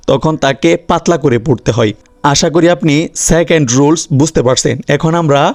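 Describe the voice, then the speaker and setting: A man teaching Quran pronunciation in a step-by-step lesson, who asks and answers his own questions and recites the examples slowly and melodically. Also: a little high, darkish tone. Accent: Bangladeshi Bengali.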